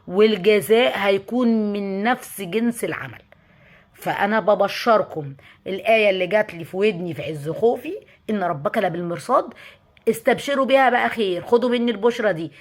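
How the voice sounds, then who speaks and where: A woman's voice: mid-range voice, lively intonation, brisk. A woman with an Egyptian Arabic accent speaking earnestly to her audience. She tells her own story of hardship and recites religious verses as encouragement. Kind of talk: personal testimony with faith advice.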